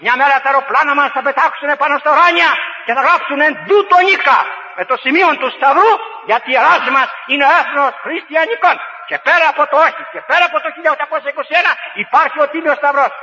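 A male preacher tells a folksy story as a sermon, with repeated phrases and rising exhortations. His voice is very high and very bright. It sounds like a dull radio broadcast with long hall reverb.

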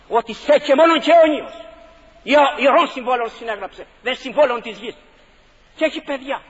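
A man's voice: extremely high pitch, fairly bright tone, breathy edge. A man preaching a fervent sermon, repeating his phrases for emphasis and asking rhetorical questions. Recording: dull lo-fi recording with long hall reverb.

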